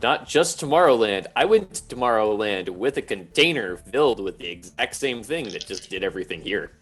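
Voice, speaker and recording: A man's voice: lowish voice, expressive, a little fast. A man chatting casually as a player in a tabletop game.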